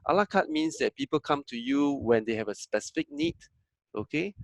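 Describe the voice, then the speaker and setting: A man's voice: fairly high pitch, sing-song, moderate pace, creaky, dry recording, low-quality recording. A man giving a training talk as a business coach, conversational and full of fillers, often acting out what others say. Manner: conversational, acts out quoted dialogue, frequent fillers.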